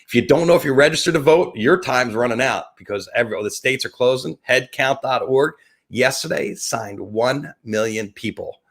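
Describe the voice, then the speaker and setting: Opening a live webcast, a man from New Jersey by his accent riffs through an offhand, tongue-in-cheek intro, animated yet disjointed and stop-and-start. His mid-range voice is creaky and moves at a moderate pace.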